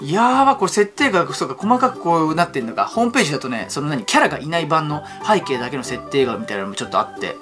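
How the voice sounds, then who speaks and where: An excitable man hosts his fan channel, pouring out reaction commentary at a breakneck pace. His voice swings widely up and down as he gets carried away. Music plays clearly under his talk. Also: on the high side. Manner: excitable, rapid-fire talking. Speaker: YouTube fan channel host.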